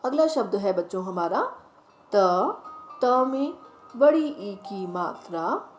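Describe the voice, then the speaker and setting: A woman teacher leading a children's phonics lesson, speaking directly to the children and drawing each word out slowly as she repeats it. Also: mid-range voice, animated. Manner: slow, drawn-out word repetition. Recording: roomy echo, faint music behind.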